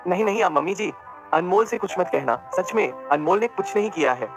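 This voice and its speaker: A man's voice: sits high, expressive, a little fast, music in the background. A man voicing an emotional, loyal young woman who pleads and defends. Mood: pleading.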